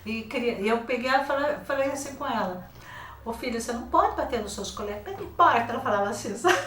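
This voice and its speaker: A woman's voice: on the high side, quick pace, far from the mic, slight background noise. An older woman with a Brazilian Portuguese accent, a teacher telling classroom stories in a TV interview, acting out quoted dialogue. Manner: lively, acts out quoted dialogue. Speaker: guest author and teacher. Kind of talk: casual interview storytelling. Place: TV studio. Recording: roomy, off-mic studio sound.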